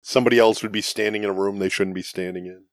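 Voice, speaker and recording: A man's voice: on the low side, fairly even intonation, quick pace, no echo, studio quality. A man chatting casually as a guest on a podcast. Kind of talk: casual chat.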